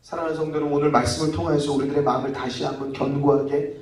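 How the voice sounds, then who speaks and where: A male pastor preaching in a relaxed, conversational way, often asking the congregation to repeat after him. His fairly high voice rings through a large, echoey sanctuary, picked up from a distance. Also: very fast. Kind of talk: sermon. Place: church sanctuary. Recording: echoey church hall from far off.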